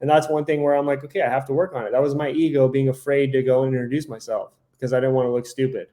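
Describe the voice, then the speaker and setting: A man's voice: medium pitch, steady tone, rapid-fire, dark tone. A man co-hosting a podcast in casual chat, rambling with lots of "like" and self-corrections, acting out his own thoughts in quoted asides. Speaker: podcast co-host.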